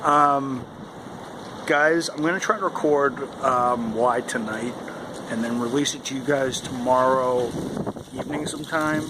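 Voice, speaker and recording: A man chatting casually and haltingly to a handheld camera as a vlogger, rambling along outdoors. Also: mid-range voice. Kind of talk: casual vlog chat to camera. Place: outdoors in the cold wind. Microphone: handheld camera at arm's length. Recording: windy outdoor recording, loud wind noise. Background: howling wind noise.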